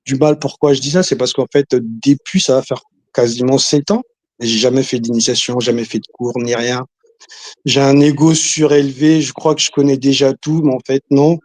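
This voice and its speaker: A man's voice: medium pitch, steady tone, moderate pace, darkish tone, no echo. Hesitant man chatting over a video call. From Congo. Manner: hesitant, many restarts and fillers, chuckling. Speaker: caller. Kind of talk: casual chat.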